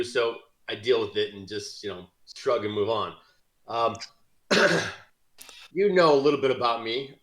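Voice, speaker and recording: A man describes his knight character to the table, hesitating and filling pauses as he goes. His voice sits at a middle pitch and rings in an echoey room. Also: fairly bright tone. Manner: hesitant, many fillers and laughs. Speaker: player.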